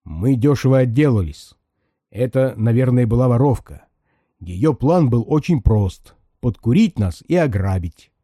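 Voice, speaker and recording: A man voicing a stout, suspicious middle-aged woman on a train who talks in a low, grumbling way. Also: expressive, measured pace, warm tone, no echo, clean studio sound. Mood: confiding whisper.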